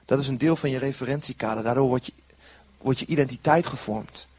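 Male preacher, mid-pitched and husky, earnest sermon delivery that leans on repeated phrases. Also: a little fast, a little mellow.

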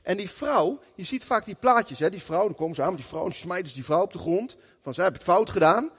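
Lively male preacher in a reverberant hall. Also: high voice, a little fast, breathy edge. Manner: lively, conversational, acts out quotes. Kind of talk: sermon.

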